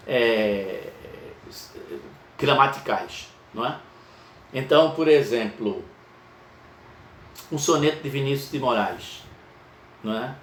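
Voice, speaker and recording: A male teacher, giving a recorded lecture in an unhurried way, stretching key words and often asking "não é?". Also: mid-range voice. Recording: echoey room with faint ambient noise.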